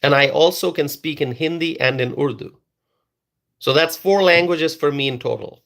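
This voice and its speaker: A male political commentator, first language Bengali, gives an insistent political opinion monologue and repeats words for stress. His voice sits on the high side and is creaky and a bit bright, moving at normal speed.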